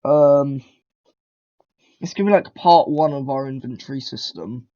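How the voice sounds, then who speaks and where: In a muffled recording, a man speaks a little slowly in a warm, medium-pitched voice. He has a cold and is casually narrating a beginner coding tutorial, rambling, correcting himself, and filling gaps with ums and throat clearing.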